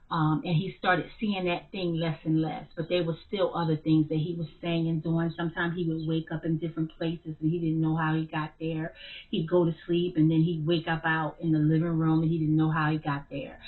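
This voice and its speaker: A woman telling her story of spiritual struggle in a halting, hesitant way, full of fillers and restarts. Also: low-pitched. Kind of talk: personal spiritual testimony. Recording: tinny phone-like sound.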